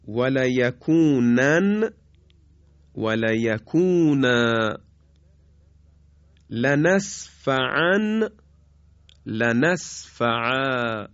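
A man's voice: mid-range voice, no room sound, dull audio. Man teaching Quran recitation rules. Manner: slow, drawn-out chanted example words between plain explanations. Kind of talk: recorded tajweed lesson.

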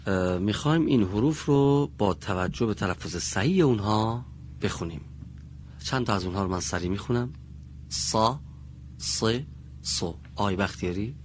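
There is slight background noise as a male teacher, his voice on the low side, teaches pronunciation in a classroom. He is patient and deliberate, demonstrating each sound slowly for his pupils.

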